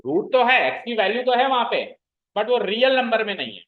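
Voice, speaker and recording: A man teaching a maths class, explaining slowly, repeating key terms and often checking whether the students follow. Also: very high-pitched, very animated, narrow, tinny audio. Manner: checks understanding with frequent questions to the class. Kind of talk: classroom lecture.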